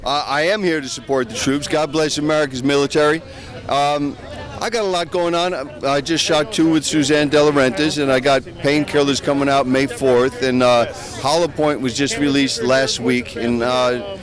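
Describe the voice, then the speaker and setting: Eager middle-aged actor. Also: male voice, medium pitch, fairly even intonation, normal speed. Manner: eager, enthusiastic. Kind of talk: red carpet interview. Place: outdoor red carpet at a hotel event. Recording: busy crowd chatter outdoors.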